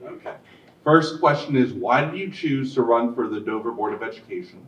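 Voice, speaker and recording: A man's voice: medium pitch, animated, moderate pace, a bit bright. A man reads forum questions in a plain, businesslike way. He is heard from a distance in a roomy, echoing space. The sound is dull and muffled. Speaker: forum moderator. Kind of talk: reading questions aloud. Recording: echoey room from far off, dull sound.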